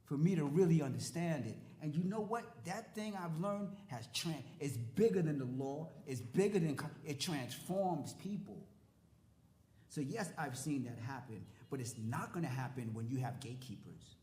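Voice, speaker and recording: A man's voice: on the high side, expressive, normal speed, warm tone. Impassioned man on a panel, echoey room. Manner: impassioned, repetitive, swears casually. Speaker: panelist, jailhouse lawyer. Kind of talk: panel discussion. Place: law school event room.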